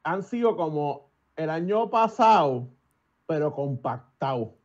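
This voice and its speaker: A man's voice: a little high, takes it slowly, muffled recording. A young man telling stories in casual podcast chat, swearing often and mixing in English. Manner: profane, animated, switches into English. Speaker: podcast guest.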